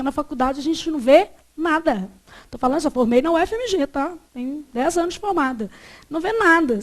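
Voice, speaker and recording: High-voiced, animated Brazilian woman teacher. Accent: Brazilian Portuguese. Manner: animated, emphatic, stretches out syllables when spelling; acts out quoted dialogue in lively voices. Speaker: Portuguese teacher. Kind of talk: classroom lecture.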